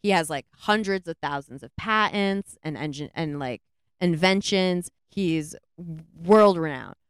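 A woman co-hosting a podcast, retelling a film's plot in a rambling, animated way with lots of "like"s. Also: fairly low pitch, a little slow, clear, resonant tone, no echo, studio quality. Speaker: podcast co-host. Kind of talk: casual movie review chat.

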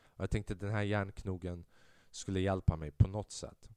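Animated young man telling a story. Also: dry recording, clean studio sound. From Sweden. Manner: animated, swings from loud outbursts to low mutters; mixes in English slang and swearing. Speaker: podcast host. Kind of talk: casual storytelling.

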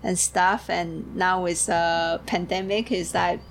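A woman hosting a casual podcast chat, haltingly searching for her words. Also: lowish voice, rough recording. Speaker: podcast host and tea shop keeper. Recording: clear steady background noise.

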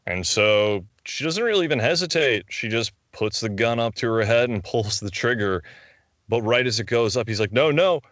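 A man's voice: fairly low pitch, moderate pace, a bit bright, no room sound. A man in casual conversation, retelling film scenes and acting out the characters' lines.

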